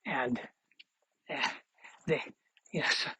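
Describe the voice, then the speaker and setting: A man's voice: mid-range voice, fairly even intonation, extremely slow, sharp tone, slightly rough, no room sound, rough recording. A man in his forties hosting a solo podcast, chatting casually in a rambling, self-deprecating way. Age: 40s. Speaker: podcast host.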